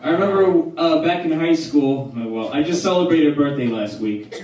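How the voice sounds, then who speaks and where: A man's voice: a little high, lively intonation, normal speed, darkish tone. Rambling man doing stand-up in echoey room. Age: 30s. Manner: loose, rambling, laughing between jokes. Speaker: stand-up comedian. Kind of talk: stand-up comedy set. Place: small theater stage with audience. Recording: echoey room from far off, crowd noise.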